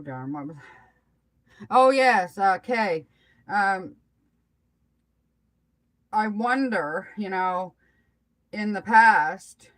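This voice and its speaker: Middle-aged woman, slow pace, medium pitch, casual live-stream chat, halting, rambling delivery. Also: rough recording. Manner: rambling and halting, trailing off mid-thought. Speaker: live stream host chatting with viewers.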